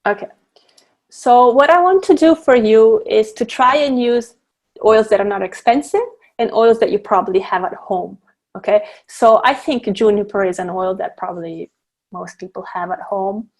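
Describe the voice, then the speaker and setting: A woman's voice: mid-range voice, normal speed, a little mellow. A woman teaching a live online class on blending essential oils. She explains step by step, with frequent fillers and restarts, over a video call. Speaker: guest presenter teaching essential oil blending.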